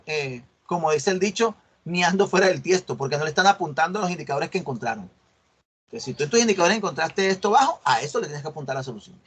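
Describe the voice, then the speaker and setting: This is a middle-aged man teaching a university class over a video call. His voice sits a little on the high side. He explains by acting out little dialogues with his students and keeps checking that they are following. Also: fairly bright tone. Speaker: university lecturer. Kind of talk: online class lecture.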